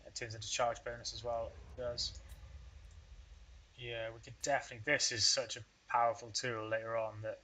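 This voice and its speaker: A let's play host narrates his strategy game in loose, rambling commentary, thinking his moves through aloud and often poking fun at himself. His voice is bright and forward at an ordinary pitch, fairly quick with little pitch movement, and the audio quality is poor.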